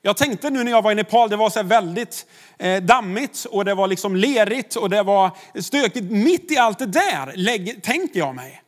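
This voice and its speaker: A man's voice: sits high, lively intonation. A man, a pastor, preaching a sermon in a conversational way, with rhetorical questions to the congregation.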